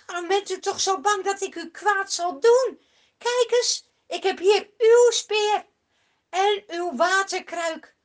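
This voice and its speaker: A woman voicing a young man who shouts loudly across a valley and pleads with a king. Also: extremely high pitch, slow, voice pushed up, heavily acted. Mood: pleading. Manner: loud, pleading calls.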